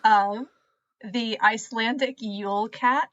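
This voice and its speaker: A woman's voice: fairly high pitch, fairly even intonation, a little slow, a bit bright, dull audio. A woman co-hosting a podcast in casual chat, easygoing and plain when she reads out facts. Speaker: podcast co-host.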